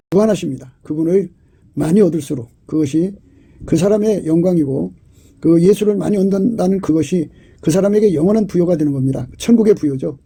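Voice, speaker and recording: A man preaching an impassioned sermon in a high, mellow voice. He acts out pleading prayers as he goes, and the room around him is echoey. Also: vocal fry. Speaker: pastor. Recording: roomy echo.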